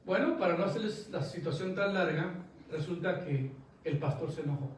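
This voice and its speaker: A man's voice: on the high side, moderate pace, slight background noise. Echoey preacher man, heard from afar. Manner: storytelling preacher, rising to emphatic bursts. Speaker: pastor. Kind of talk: sermon. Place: church sanctuary. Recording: echoey church hall, from a distance.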